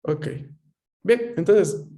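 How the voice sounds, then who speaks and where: A man's voice: high-pitched, very slow, mellow. A man teaching an online language class over a video call, explaining patiently and checking often with his students. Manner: explanatory, frequent checking questions.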